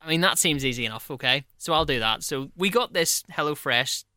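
A man's voice: on the high side, expressive, brisk, bright, forceful tone, dry recording, studio quality. A man co-hosting a podcast, telling stories in a chatty way and laughing at himself. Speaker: podcast co-host. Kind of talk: casual chat.

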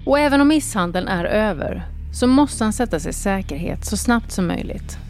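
A woman narrates a documentary podcast with measured calm, in a mid-pitched voice, and sometimes turns to ask her guest questions. Faint music runs beneath her. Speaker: host and narrator.

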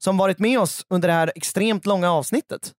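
A young man co-hosting a podcast in casual chat, cutting in with quick teasing remarks. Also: high-pitched, no room sound, clean studio sound. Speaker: podcast co-host.

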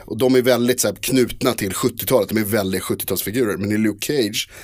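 A man's voice: on the low side, a little mellow, no echo, clean studio sound. A man in casual podcast chat, talking hesitantly with many fillers and restarts. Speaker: podcast co-host.

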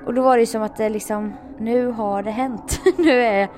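A woman telling a story in casual chat, animated and laughing often. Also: on the high side, faint music behind.

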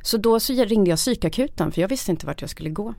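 A woman's voice: mid-range voice, lively intonation, vocal fry, a little mellow, no echo. A middle-aged woman, an interview guest, telling a personal story frankly and with feeling. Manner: frank, emotional, acts out quoted dialogue.

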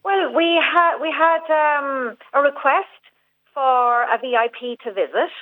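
A woman's voice: high voice, unhurried. Woman on a tinny phone line. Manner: chatty, with many hesitations and restarts. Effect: heard over the phone. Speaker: phone-in guest, venue manager. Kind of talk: casual radio phone interview.

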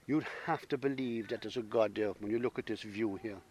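A man's voice: fairly low pitch, fairly quick, a little mellow. An older man with an Irish accent, telling anecdotes and chatting casually. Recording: faint outdoor background noise.

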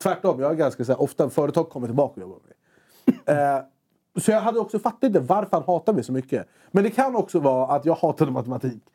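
A man's voice: fairly high pitch, breathy edge. A young man co-hosting a casual chat, telling a story animatedly and acting out both sides of a conversation. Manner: animated, quotes himself and others in quick bursts. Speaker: podcast co-host.

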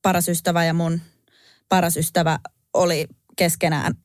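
A middle-aged woman hosting a casual podcast chat, telling stories in an animated way and laughing often as she spins out worst-case scenarios. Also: on the low side, no echo, clean studio sound. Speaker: podcast host.

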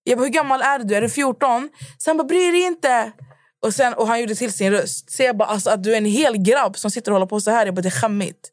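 Young woman, podcast co-host, lively storyteller who plays both parts; dry close sound. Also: fairly high pitch, no room sound. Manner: animated storyteller, acts out both sides of chats. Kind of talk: casual chat.

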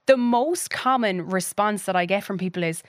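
A young woman speaks with a west of Ireland accent from Kerry. Her mid-pitched voice is chatty and informal, scattered with filler "like". The sound is dry, with very little room in it. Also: normal speed, dry recording. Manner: informal and chatty, heavy use of "like". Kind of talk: casual chat.

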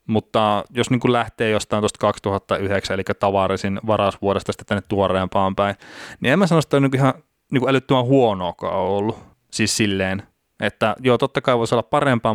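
A man's voice: lowish voice, no echo, clean studio sound. A man in a casual podcast chat about hockey, talking hesitantly with lots of fillers. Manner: hesitant, many filler words.

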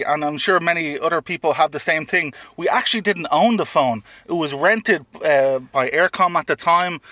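Tech guy, keen, sharp bright voice, dry close mic. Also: a little high, no echo. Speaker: tech hobbyist interviewee.

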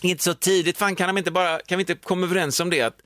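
A man in casual conversation, animated and swearing freely, acting out little voices in his stories. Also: high voice, no echo, studio quality. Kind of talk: casual chat.

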